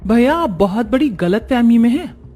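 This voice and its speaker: A woman's voice: a little high, animated, normal speed, dark tone. A woman voicing a bold, cheeky young sister in a cartoon story who speaks frankly and teasingly.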